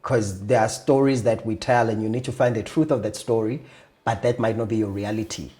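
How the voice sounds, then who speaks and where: A man's voice: lowish voice, brisk, dark tone. A South African man hosting a talk show, asking thoughtful, curious questions in a casual interview.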